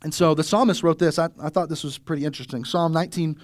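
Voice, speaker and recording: Casual pastor guy preaching, chatty and lively, slightly high voice, dry close sound. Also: fast, dry recording. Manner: conversational, animated storytelling with rhetorical "right?". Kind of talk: sermon.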